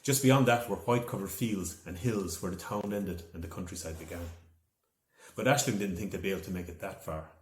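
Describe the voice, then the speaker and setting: Noticeable echo fills the room as an author reads his own novel, a children's storybook. The man narrates briskly in a lowish voice, giving the text an expressive, dramatic reading.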